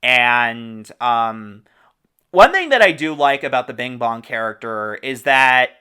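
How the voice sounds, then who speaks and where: A man's voice: medium pitch, big pitch swings, bright, forceful tone, clean tone. A man hosting a casual movie discussion, enthusiastic and informative, sharing trivia about the cast. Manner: enthusiastic, informative, quick asides with laughs. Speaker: podcast host.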